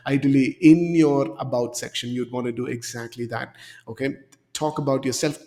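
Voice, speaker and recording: A man's voice: mid-range voice, a little mellow, big-room sound. A man in his thirties giving an upbeat screen-share tutorial as a career coach, coaxing viewers along with a frequent "okay?", speaking into a desk mic in a small room. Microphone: desk mic in frame.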